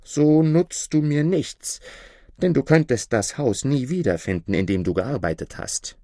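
A man's voice: mid-range voice, lively intonation, a little slow, warm tone, no echo, pitched above the performer's own voice. A cunning bandit talks in a brusque, pushy way, his voice swinging up and down. A man acts him out in a storybook reading. The recording is dry. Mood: scheming. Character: cunning rough male bandit.

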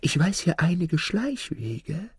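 A man voicing a sly young lad who speaks in a hushed, secretive whisper. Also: a little high, very animated, slow, breathy edge, dry recording, clean studio sound, voice pushed up, full character voice.

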